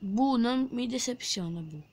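Female gaming host, excitable play-by-play, bursts of shouting and whispering, raspy fry in the voice. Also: a little high, moderate pace. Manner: excitable, exclaiming, drops to whispers while playing. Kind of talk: casual mobile game commentary.

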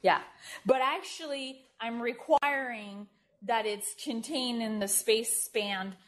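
A woman teaches a math class in a lecture room, talking in a relaxed, unpolished way. She keeps checking in with her listeners and fixes her own phrasing mid-sentence as she writes on the board. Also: on the high side, slow pace. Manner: informal, checks in with "right?", self-correcting. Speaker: mathematics lecturer.

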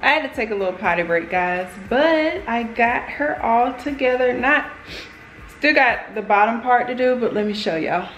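A woman's voice: fairly high pitch, expressive, moderate pace, fairly bright tone, dull audio, faint music behind. A young pregnant woman chatting casually to her viewers in a home vlog, filmed on her phone as she shows things around the house. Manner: chatty, addresses viewers as y'all. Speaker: vlogger. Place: at home indoors. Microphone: handheld phone camera.

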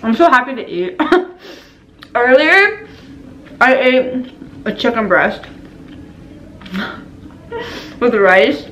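A woman's voice: fairly high pitch, very animated, extremely slow, pauses often, a bit bright, slight background noise, rough recording. A young woman chatting casually to viewers while eating on camera, giggly and full of "like"s. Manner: chatty and giggly, with many "like"s and laughs. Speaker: mukbang vlogger. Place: home room while eating.

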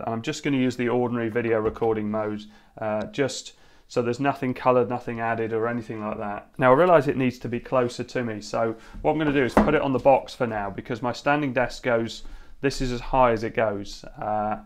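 A man hosting a casual gear review at his home desk, rambling with many uhs and restarts, into a USB podcast mic. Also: mid-range voice. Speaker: tech video host. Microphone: USB podcast microphone.

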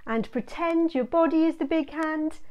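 A woman in her thirties telling stories to young children in an animated, singsong, interactive way. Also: high voice, normal speed, lo-fi sound. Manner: animated, singsong, with acted sound words. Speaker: children's show presenter and storyteller. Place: small indoor children's show set.

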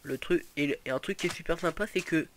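A man's voice: on the high side, brisk, a little hiss or hum. A young man giving casual gameplay commentary, rambling with lots of fillers and restarts. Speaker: gaming video host.

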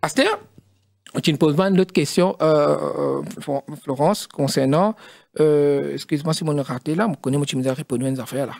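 A middle-aged man with a Mauritian accent, a studio guest explaining in halting speech with many fillers and restarts. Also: a little high, vocal fry, a little mellow, no echo. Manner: halting, mixes French and Creole, many fillers. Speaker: studio guest, former district council president.

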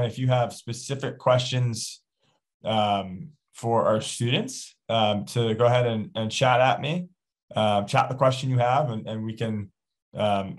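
A man moderating an online open house over a video call, upbeat and guiding, with many fillers. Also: medium pitch. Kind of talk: hosting a virtual event.

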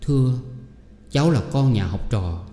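A man's voice: mid-range voice, lively intonation, measured pace, warm tone, lightly acted. A man voicing a humble young mother who pleads politely with her elders. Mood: pleading. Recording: echoey room with long reverb.

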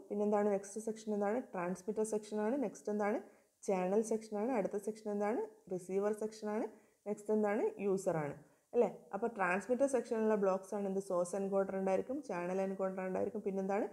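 A woman teaches a recorded class. Her voice is mellow and dark, and her pitch barely moves. She asks a question and answers it herself, again and again, the way a teacher talks a class through a topic. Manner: reads English definitions slowly. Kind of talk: video lecture.

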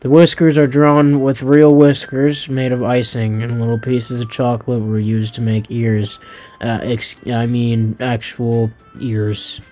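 A man's voice: mid-range voice, level tone, measured pace, darkish tone, soft background music. A man hosting a let's play, reading a visual novel aloud with jokes, swearing and tripping over his words.

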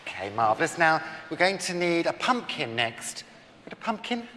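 Camp pantomime fairy, British, dry and fussy, fairly high voice, reverberant theatre. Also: male voice, moderate pace. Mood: breezy, wry. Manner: camp, arch, deadpan asides. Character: camp, drily fussy male good fairy. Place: large theatre stage with audience. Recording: noisy live theatre recording, hall reverb.

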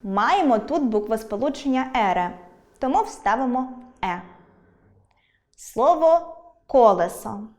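A woman teacher giving an online school lesson, explaining spelling rules clearly and patiently with examples. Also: a little high, animated, slow pace, long pauses, darkish tone.

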